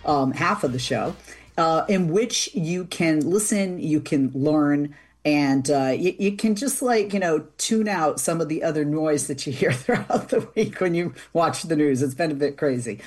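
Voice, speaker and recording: A radio talk show host with a Boston accent interviews in a chatty, informal, conversational style, speaking directly to listeners. Her low-pitched voice is animated, unhurried and a little mellow.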